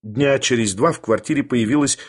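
Husky male audiobook narrator. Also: medium pitch, brisk. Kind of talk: literary narration.

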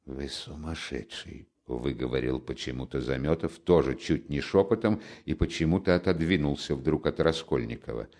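Deep-voiced man narrating a novel. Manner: expressive, measured storytelling. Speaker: audiobook narrator. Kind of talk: literary audiobook narration.

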